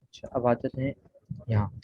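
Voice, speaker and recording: A man's voice: mid-range voice, steady tone, normal speed, warm tone, dry recording. Urdu-accented guy teaching basic english over a zoom call, patient, keeps checking in, dull dry audio. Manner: patient, repeats "theek hai" often. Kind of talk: online beginner lesson, explaining. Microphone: video call.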